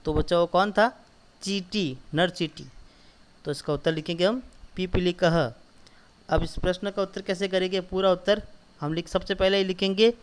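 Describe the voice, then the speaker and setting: Clear-voiced man teaching schoolchildren. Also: high voice. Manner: patient, repetitive explaining, addresses children directly; reads quoted lines slowly and louder. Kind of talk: school lesson explaining textbook answers.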